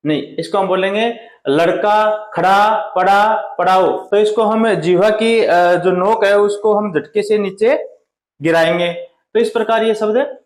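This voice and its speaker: A man teaching a Hindi grammar lesson at the board, asking questions and answering them himself, slowing down hard on key words. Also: sits high, roomy sound. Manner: drawn out slow on key words.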